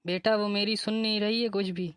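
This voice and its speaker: A woman's voice: mid-range voice, a little fast, clear, resonant tone, no room sound, clean studio sound, close to an everyday voice. A woman playing a worried old mother-in-law. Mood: anxious. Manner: pleading, flat even delivery. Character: worried older mother-in-law, anxious, pleading. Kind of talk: cartoon voice acting.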